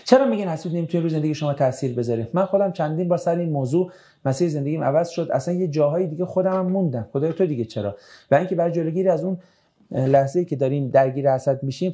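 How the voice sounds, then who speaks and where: A man teaching religion, reading out audience questions and answering them in a brisk, conversational way with dry joking asides. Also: on the high side, dark tone.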